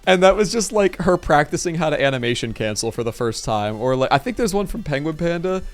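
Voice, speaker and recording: Speaking a little high, this man chats on his livestream about running a tournament, his words tumbling out fast and excited while hoarseness creeps into his voice.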